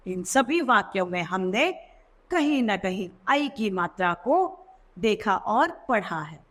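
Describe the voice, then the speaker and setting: Slow, sing-song woman teacher. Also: medium pitch, sing-song, a bit bright. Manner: slow, emphatic, sing-song stress on key words. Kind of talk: children's Hindi lesson narration. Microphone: voice-over.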